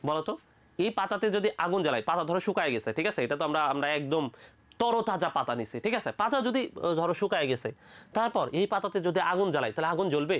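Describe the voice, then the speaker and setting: Lively fast-talking Bangladeshi biology tutor. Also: mid-range voice. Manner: repeats questions and answers them, checks in constantly; colloquial, playful asides. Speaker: biology teacher. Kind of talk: medical admission lecture.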